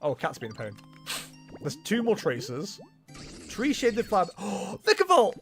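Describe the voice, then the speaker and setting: A man's voice: high-pitched, huge pitch swings, measured pace, soft background music. A man chatting casually and commenting on a video game in a jokey, rambling way.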